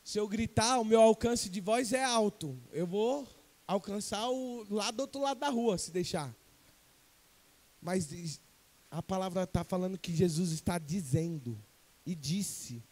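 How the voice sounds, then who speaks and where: A man from Brazil preaching a sermon as an evangelist, swinging from loud to hushed and questioning the congregation. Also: sits high, unhurried. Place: church sanctuary. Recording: long church reverb.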